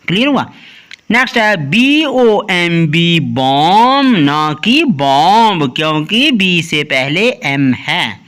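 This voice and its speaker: Male tutor, high voice, lots of rise and fall, keeps checking in with students. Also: slow. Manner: lively teaching tone, keeps asking "clear?". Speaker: English teacher, channel host. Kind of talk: Hindi-language video lesson on English pronunciation.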